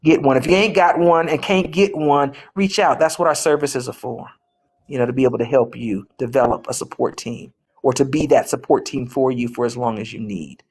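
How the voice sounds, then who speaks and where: A woman's voice: extremely low pitch, brisk, darkish tone, slightly rough. A woman healing coach hosting a live stream, talking casually and emphatically, with colloquial phrasing and repeated key phrases.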